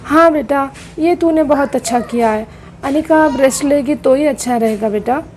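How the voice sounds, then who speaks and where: A woman voicing a gentle middle-aged mother who pleads and keeps the peace in a doll-play soap drama. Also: sits high, moderate pace, a little hiss or hum, natural voice, low-quality recording.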